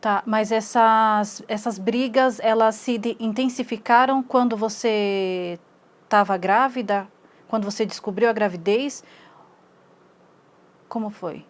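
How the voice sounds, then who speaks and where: Woman interviewer, mid-pitched, hesitant, searching questions. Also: a little slow.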